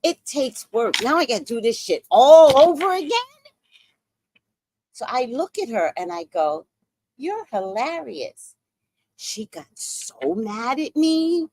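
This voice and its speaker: A woman's voice: on the high side, very animated, slow pace, darkish tone. A woman in her sixties telling a story in a casual, profane, dramatic way as a podcast host. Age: 60s.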